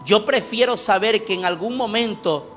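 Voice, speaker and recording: High-voiced preaching pastor man. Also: normal speed, faint music behind. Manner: impassioned preaching, swings from loud to hushed. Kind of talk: sermon. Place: church.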